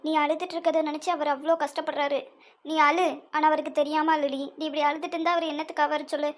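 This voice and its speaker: A woman's voice: high voice, flat delivery, fast, close to an everyday voice. A woman voicing a caring young best friend in a cartoon, coaxing and soothing, with a Tamil accent. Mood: consoling.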